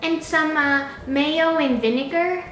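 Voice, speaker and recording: Comedy skit: woman playing a high, slow-talking picky customer ordering toppings, roomy echo. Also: a bit bright, slight background noise. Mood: fussy. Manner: hesitant, full of ums and excuse-mes. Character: fussy picky female sandwich-shop customer.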